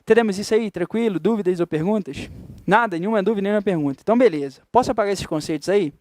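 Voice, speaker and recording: A man's voice: sits high, fast talker, darkish tone, dry recording, studio quality. A man giving a classroom lecture, chatty and constantly checking in with his students. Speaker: teacher.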